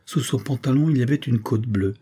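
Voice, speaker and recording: A man narrating a classic novel in a steady, measured audiobook reading. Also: medium pitch, slightly rough.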